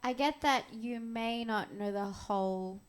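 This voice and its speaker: A woman's voice: a little high, measured pace. A woman playing a tabletop game in casual chat, eager and pushy. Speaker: player.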